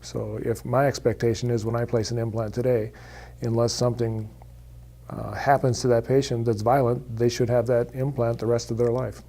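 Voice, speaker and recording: A man, a dentist, gives interview answers in a matter-of-fact way. His pitch stays flat. His voice is warm and relaxed. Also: moderate pace, vocal fry.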